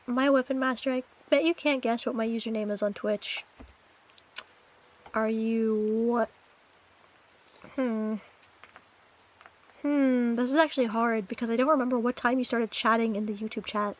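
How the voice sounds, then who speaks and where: A woman's voice: fairly high pitch, fairly even intonation, normal speed, pauses often. A woman streamer chatting casually and playfully with her live chat, giggly and joking.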